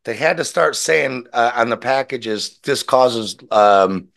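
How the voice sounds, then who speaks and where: Gravelly man, casual storyteller, smoking as he talks. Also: medium pitch, animated, slow pace, fairly bright tone. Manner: rambling storyteller who swears freely and acts out quotes; talks while smoking a cigarette. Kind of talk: casual chat, animated anecdotes.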